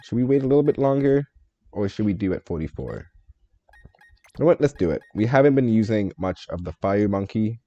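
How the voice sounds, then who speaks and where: A man with a low, mellow voice talks through a live game stream, musing over his choices and joking at his own expense. The sound is dry and a little dull and lo-fi, like a home stream mic. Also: expressive, fairly quick, no room sound. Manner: thinks aloud, answers chat, joking and self-deprecating. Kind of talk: live gameplay stream commentary.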